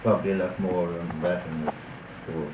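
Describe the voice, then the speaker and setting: An older man from Ireland recalling local history, speaking slowly and haltingly with many pauses. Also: sits low, steady tone, echoey room, noisy background. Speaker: local interviewee.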